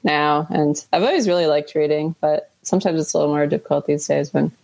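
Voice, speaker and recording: Woman, low voice, creaky fry, casual co-host commentary, conversational, lots of "like". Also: brisk, a little mellow, muffled recording. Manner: conversational, frequent "like". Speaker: co-host of a TV rewatch show.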